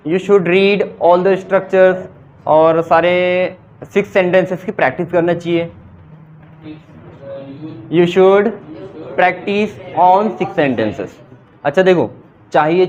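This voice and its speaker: A man with a high voice teaches an English grammar lesson. He explains in Hindi, reads out English example sentences and keeps quizzing his students. The recording sounds dull and lo-fi. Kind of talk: classroom grammar lecture.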